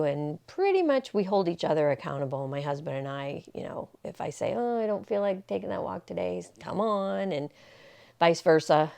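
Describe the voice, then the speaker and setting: With a low, dark voice touched by vocal fry, a woman in her sixties talks to camera as a vlogger. Her casual, personal talk is rambling and reflective, full of fillers and restarts.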